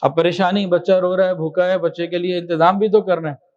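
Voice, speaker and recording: High-voiced impassioned male preacher. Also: level tone, muffled recording. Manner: impassioned, swings from soft to loud with chanted Quran recitation. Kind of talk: sermon.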